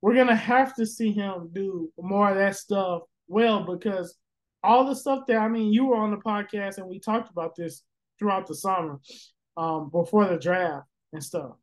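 A man's voice: sits high, normal speed, poor audio. A man hosting a casual sports podcast, rambling with lots of fillers, restarts and swearing. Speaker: podcast host.

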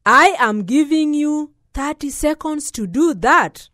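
A woman teacher leads young children through a spelling lesson, with a lively, bouncing voice pitched a little high. She talks very slowly and carefully, repeating every word and letter. The sound is dry and close. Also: no room sound. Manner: slow, deliberate, repeating each word and letter.

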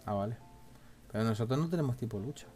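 A man's voice: medium pitch, animated, fast, mellow, faint music behind. Laughing man chatting over a game. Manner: laughs often, checks in with partner. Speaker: let's play co-host. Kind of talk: casual gaming chat.

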